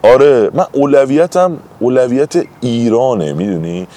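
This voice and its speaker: A man's voice: mid-range voice, very animated, mellow. A man talking as a guest in a casual conversation, telling anecdotes in an emphatic, chatty way.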